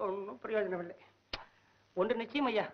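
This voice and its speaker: This man speaks at a normal pace over a faint hiss or hum, acting the part of an anxious, penniless poet in a 1960s movie. His delivery is cheeky yet frantic and whining, swinging from high to low, and the soundtrack has that dull, aged quality.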